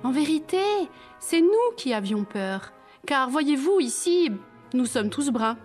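A woman doing a gentle, polite floppy-eared bear. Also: high-pitched, big pitch swings, slow, soft background music, pitched above the performer's own voice, full character voice.

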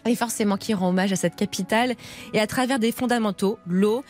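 A woman's voice: mid-range voice, brisk, darkish tone. A woman co-hosting a live radio show, playful and bantering. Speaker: radio co-host.

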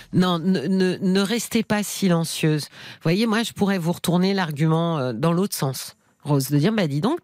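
A woman's voice: low-pitched, darkish tone, no room sound, studio quality. A woman hosting a live call-in radio show, giving a caller direct, encouraging advice. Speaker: radio host.

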